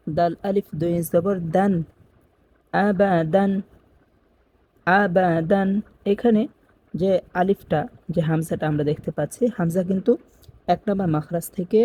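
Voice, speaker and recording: A man teaching Quran reading, spelling out letters slowly and repeating each word for beginners. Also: high voice, mellow. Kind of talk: step-by-step spelling lesson.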